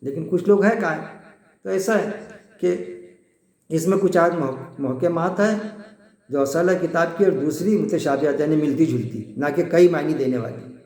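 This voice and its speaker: A man's voice: a little high, a little mellow, reverberant. A man giving an informal religious lesson, talking conversationally, repeating his points and using everyday examples. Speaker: Quran teacher.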